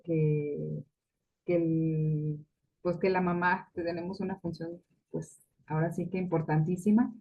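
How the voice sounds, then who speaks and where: A woman talks through a book chapter in a reflective, unhurried way, pausing to find her words. Her voice sits very low and sounds husky. The recording is dull and lo-fi. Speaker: book discussion co-host. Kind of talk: casual explanatory talk.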